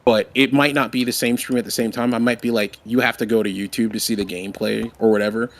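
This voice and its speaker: A Maryland man in his twenties hosting a livestream talks quickly in a lowish, steady voice. He rambles loosely and thinks aloud, repeating himself as he works through setup.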